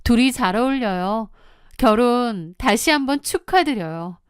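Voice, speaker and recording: A woman's voice: fairly high pitch, expressive, a little slow, clear, resonant tone, dry recording, studio quality. A woman narrating her own story in the first person, confiding and matter-of-fact.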